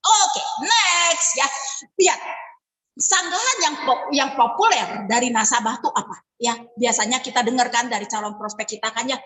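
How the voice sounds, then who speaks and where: A woman giving an online sales ethics lesson, lively and coaching. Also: a little high, brisk, low-quality recording. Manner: lively, coaching, acts out sample dialogues. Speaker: sales trainer.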